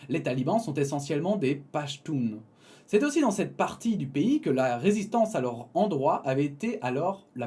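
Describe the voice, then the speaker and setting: With a fairly high yet dark-toned voice, a young man comments on YouTube. He reads a prepared script but keeps breaking off for offhand tangents, hesitating and laughing a little along the way.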